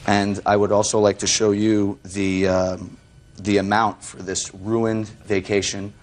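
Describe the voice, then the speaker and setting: A man's voice: on the low side, level tone, measured pace, a little hiss or hum. A man testifying as a litigant in a TV courtroom, indignant and self-justifying, with stiffly formal wording and hesitations.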